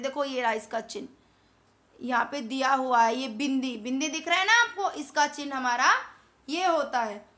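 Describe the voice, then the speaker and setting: Lady teacher going through grammar slowly, high voice, keeps asking the kids questions back. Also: bright, forceful tone. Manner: explains step by step, repeats and asks questions back. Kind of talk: grammar lesson for children.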